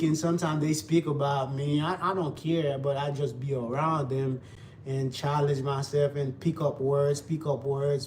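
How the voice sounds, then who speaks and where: A young cooking vlogger with a Haitian Creole accent chats loosely with viewers while he cooks live, often repeating himself. His voice is on the high side and a little mellow, picked up by a distant mic with faint background noise.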